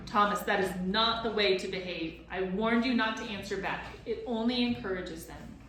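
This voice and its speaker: A woman doing a calm, stern old professor. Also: a little high, slight background noise, pitched above the performer's own voice. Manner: calm, measured. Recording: very echoey room.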